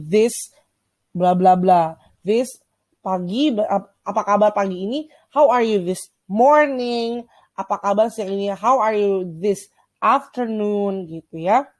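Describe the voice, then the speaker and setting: A woman's voice: medium pitch, a little mellow, dry recording. Young Indonesian woman teaching, dry sound. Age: young adult. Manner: casual, many fillers, models English words slowly. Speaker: student volunteer teacher. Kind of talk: informal video lesson over slides.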